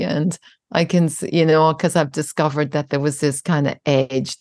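Middle-aged woman on a podcast, really low voice, dry close sound, reflective and laughy. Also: a little mellow, dry recording. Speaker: podcast guest, parenting educator. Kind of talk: casual chat.

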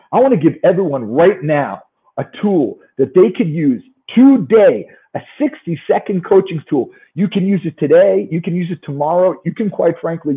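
A man with a New York accent giving a motivational business talk as a coach, emphatic and often putting rhetorical questions to his listeners. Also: a little high. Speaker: sales coaching speaker and trainer. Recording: thin, narrow-band phone-like sound.

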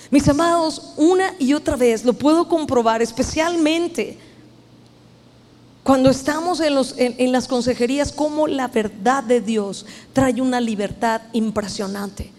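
A woman's voice: high-pitched, measured pace, darkish tone. A woman preaching a sermon to a women's meeting, earnest and emphatic, speaking directly to her listeners. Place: church meeting hall. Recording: long hall reverb.

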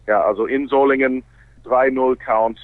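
A man speaks German as a foreign language with a clear North American accent, chatting casually as an interview guest. His mid-pitched voice comes through narrow and phone-like, with very little room sound. Small grammar slips show his English mother tongue. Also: fairly even intonation, normal speed, dry recording. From Canada. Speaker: interview guest, baseball player.

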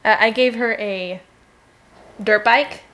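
A woman's voice: a little high, slow, fairly bright tone. A young woman chatting casually with a friend, agreeable and giggly. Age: young adult. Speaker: co-host. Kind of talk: casual chat.

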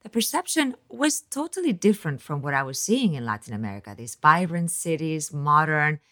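A woman's voice: sits low, very animated, normal speed, fairly bright tone. A woman from Spain hosting a podcast interview, talking at length and rambling with restarts. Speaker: podcast host.

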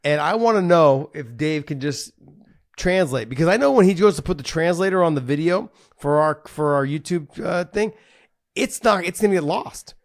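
A man co-hosting a casual podcast, excitable and laughing often. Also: a little high, moderate pace. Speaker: podcast co-host.

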